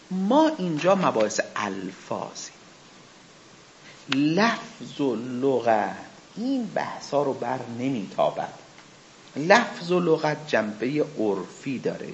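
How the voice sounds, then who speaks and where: A man with a mid-range voice teaches a religious seminary lesson as a spoken lecture, acting out questions and answers between imagined speakers and putting rhetorical questions to his listeners. The recording has its highs cut off and slight background noise.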